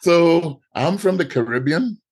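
A middle-aged man from Trinidad and Tobago, speaking with a Trinidadian accent, tells his story as a guest artist on a podcast interview and often repeats words. His voice is a little high and expressive, a little slow, with a darkish tone and a breathy edge.

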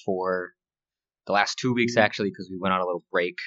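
A man's voice: low-pitched, steady tone, brisk, a bit bright, no room sound, highs cut off. A man co-hosting a podcast, telling a story in a laid-back way and laughing often. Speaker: podcast co-host. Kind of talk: casual chat.

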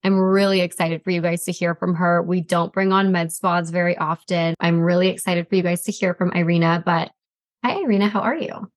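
A woman's voice: on the low side, fairly even intonation, brisk. An upbeat woman hosting a beauty podcast, speaking close to the mic in a dry, dead room with no echo. She sounds eager and chatty and keeps saying "kind of" as she asks her guest questions. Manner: upbeat, enthusiastic, says "kind of" a lot. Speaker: podcast host. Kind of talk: casual podcast interview.

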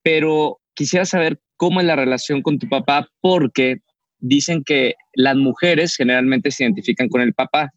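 A man's voice: medium pitch, moderate pace, no room sound, dull audio. A man hosting a podcast and asking reflective interview questions. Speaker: podcast host. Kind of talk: casual interview conversation.

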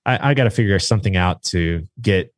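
A man casually telling a long story about training his hunting dog, rambling and animated, acting out what people said. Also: low-pitched, a little fast, dry recording. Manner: rambling, animated retelling with acted-out quotes. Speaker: guest, duck hunter and dog trainer. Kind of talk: casual storytelling in a podcast chat.

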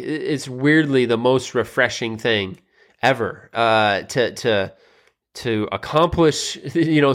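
A man hosting a podcast, speaking in a casual motivational monologue full of fillers and restarts. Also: fairly bright tone. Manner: rambling, with many fillers and restarts; grows more emphatic and pitch rises toward the end. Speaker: podcast host.

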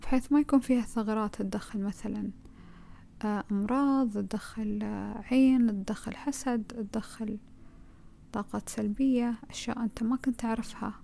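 A woman's voice: fairly high pitch, steady tone, brisk, vocal fry, dark tone, slight background noise. A woman with a Gulf Arabic accent giving a conversational self-help talk, advising the listener and piling up rhetorical questions.

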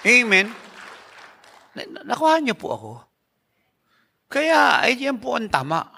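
A man's voice: very high-pitched, big pitch swings, unhurried, vocal fry, sharp tone, some chatter behind, a little hiss or hum. A male pastor preaching a sermon emphatically, asking the congregation rhetorical questions and mixing in English phrases.

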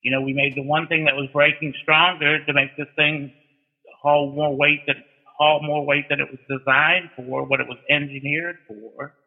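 A man with a slightly high voice speaks over a thin, phone-like connection. He explains practical trade details casually, in a folksy way, moving into anecdotes as an instructor would. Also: flat delivery, normal speed. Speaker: towing instructor and guest. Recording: thin, narrow-band phone-like line.

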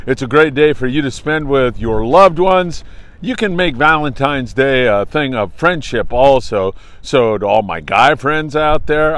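A man's voice: mid-range voice, a bit bright, clear, resonant tone. An American man hosting an outdoor morning briefing in an upbeat, hearty, folksy and emphatic manner, like a travel show host. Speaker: host of a fishing report show. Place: outdoors on a windy beach.

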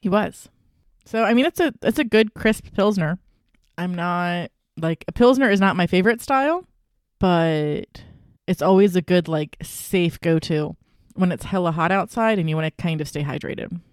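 A podcast co-host in casual beer-tasting chat, chatty and playful, with quick asides. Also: medium pitch, clean tone, no room sound, clean studio sound.

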